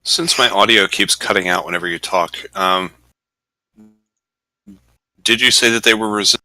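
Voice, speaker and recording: A man playing a tabletop game over an online call, his audio choppy and cutting out as he haltingly asks for something to be repeated. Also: on the low side, pushed and bright, dry recording, poor audio. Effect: choppy audio that keeps cutting out on an online call. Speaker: player.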